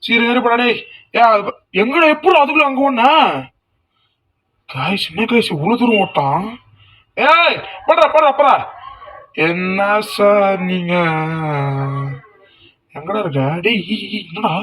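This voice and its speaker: A young man from giving live commentary on a mobile game, yelling repeated words in excited bursts. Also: high voice, a little slow, long pauses. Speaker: gaming YouTuber.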